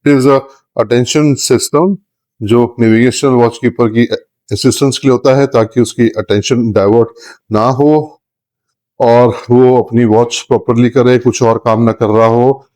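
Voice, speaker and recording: Very fast-talking Indian man hosting an explainer. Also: medium pitch, fairly even intonation, darkish tone. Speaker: video host and interviewer. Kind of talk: explainer vlog interview, switching between English and Hindi. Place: on a ship's bridge.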